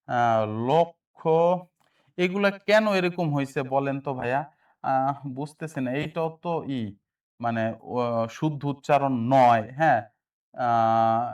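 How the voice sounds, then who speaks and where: A man, high-pitched, teaching an exam prep lesson and quizzing his students again and again. He sits a little back from the mic, so his voice sounds slightly distant. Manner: repeats answers, quizzes listeners often.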